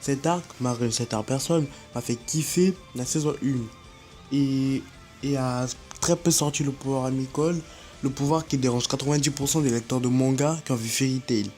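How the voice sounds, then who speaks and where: A man's voice: medium pitch, moderate pace, mellow, soft background music. A teenage boy giving a casual, slangy vlog rant, talking straight to his viewers. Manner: chatty, slangy, addresses viewers directly. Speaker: anime YouTuber.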